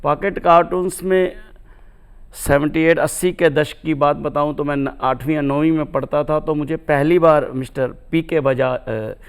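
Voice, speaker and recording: A middle-aged man with a slightly high, smooth and resonant voice. He speaks as a cartoonist guest in a reflective interview. His phrasing is lofty and philosophical, and he drops in recited couplets. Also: steady tone, moderate pace.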